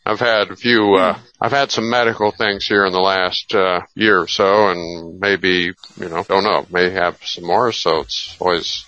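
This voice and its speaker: A man calling in, talking haltingly and trailing off, on a muffled line. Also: sits low, fairly even intonation, sharp tone, no room sound. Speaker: caller. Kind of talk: casual chat.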